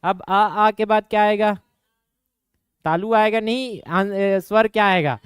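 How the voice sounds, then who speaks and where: High-voiced Chhattisgarhi teacher with a nasal ring. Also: male voice, smooth, no echo, studio quality. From Chhattisgarh, India. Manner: asks the class quick check questions, then answers them; slips into regional dialect. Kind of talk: exam coaching class lecture.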